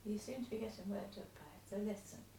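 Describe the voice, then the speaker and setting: A woman's voice: mid-range voice, steady tone, fast, vocal fry, warm tone, far from the mic, slight background noise. A woman, patiently coaxing and encouraging as she reads a letter aloud at home. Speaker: carer reading a letter aloud. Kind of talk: casual home video, reading aloud. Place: room at home. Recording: echoey room, voice off-mic.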